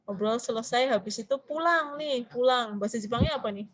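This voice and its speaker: A woman's voice: a little high, brisk, fairly bright tone. A woman with an Indonesian accent teaching a business Japanese class, explaining in Indonesian and quizzing her students.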